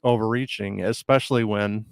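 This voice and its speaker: A man with an American accent answering as a guest in a casual radio interview, haltingly and often repeating his words. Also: lowish voice, fairly even intonation, gravelly, dry recording, clean studio sound. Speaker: interview guest, county development director. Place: radio studio.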